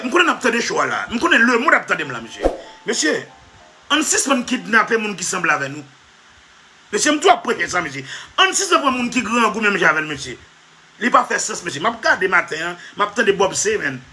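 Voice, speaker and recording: A man's voice: high-pitched, bright, forceful tone. A man giving a comic monologue, emphatic and repetitive, often half-laughing as he talks. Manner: emphatic, repetitive, keeps addressing "monsieur". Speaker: comedy vlogger.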